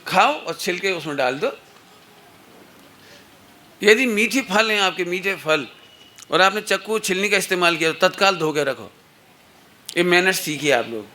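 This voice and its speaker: A man's voice: sits high, lively intonation, normal speed, long pauses, sharp tone. A middle-aged man giving a satsang talk to children and parents, telling anecdotes and playfully acting out the people in them. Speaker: religious teacher.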